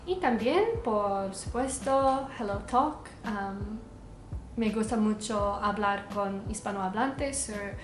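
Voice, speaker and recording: Young woman speaking haltingly, English-accented when in Spanish. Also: medium pitch, over music. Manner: halting, searching for words in Spanish. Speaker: language-learning vlogger. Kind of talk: casual vlog chat. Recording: echoey room, faint background noise.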